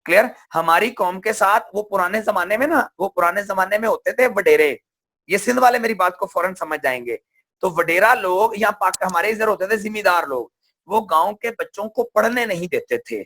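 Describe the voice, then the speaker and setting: A man's voice: high-pitched, lively intonation, normal speed, sharp tone. A man from Pakistan giving a motivational seminar talk, asking questions and answering them himself. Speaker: seminar speaker.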